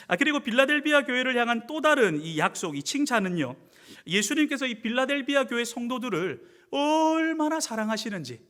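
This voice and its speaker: Brief Male pastor with a very high voice, delivering a lively church sermon. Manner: animated, acts out quoted speech.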